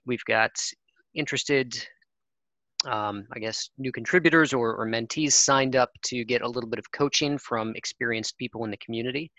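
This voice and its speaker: A man chairing a technical committee meeting on a conference call, halting with many fillers. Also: medium pitch, vocal fry, pushed and bright, no room sound, low-quality recording.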